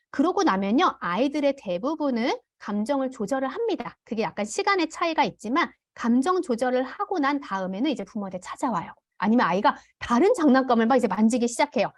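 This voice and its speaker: A woman teaching an online parenting class, calmly explaining and acting out what parents can say to children. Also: high voice, no room sound, studio quality. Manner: demonstrates parent phrases aloud. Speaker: parenting educator. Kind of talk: online parent education lecture.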